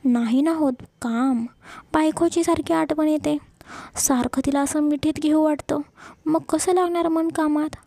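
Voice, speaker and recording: A woman's voice: high-pitched, fairly even intonation, a little slow, dark tone, no room sound. A woman voicing a playful, doting young husband in a romance story. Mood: teasing. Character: young husband, teasing and affectionate.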